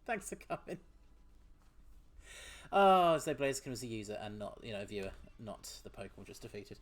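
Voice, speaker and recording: In casual gaming-stream commentary, a man speaks at normal speed in a fairly low, sing-song voice. He is chatty with his viewers, laughs a lot, reads their messages aloud and occasionally stumbles over his words.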